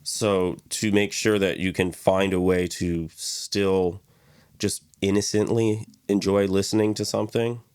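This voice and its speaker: A young podcast co-host chats casually. He rambles in an animated way and laughs often. His voice is deep and dry. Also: a little slow, clean tone, dry recording. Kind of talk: casual chat.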